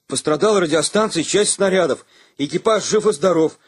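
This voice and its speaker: A man voicing an earnest young junior lieutenant who gives a crisp, formal military report. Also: high voice, a little fast, voice pushed up.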